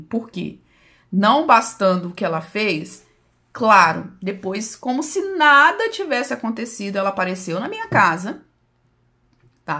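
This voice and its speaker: A woman's voice: on the high side, a bit bright. Brazilian woman, likely 30s, vlog host; earnest, emotional storyteller who keeps addressing her audience. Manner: emotional, addresses viewers as "gente". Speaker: psychoanalyst channel host. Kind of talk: personal storytelling to viewers.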